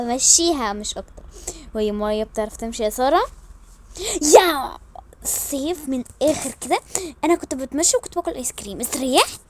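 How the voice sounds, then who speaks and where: High-voiced Egyptian woman voicing a whole family. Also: a little hiss or hum. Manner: switching quickly between family character voices. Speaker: storyteller voicing all characters. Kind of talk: Toca Boca role-play storytelling.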